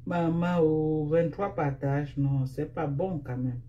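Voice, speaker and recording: A woman with a Cameroonian French accent talks to her live-stream viewers through a phone, in an unhurried, drawn-out way. She circles back to the same teasing, scolding phrases again and again, half playful and half mocking. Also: low voice, warm tone, muffled recording, slight background noise. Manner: repetitive, teasing, scolding refrains.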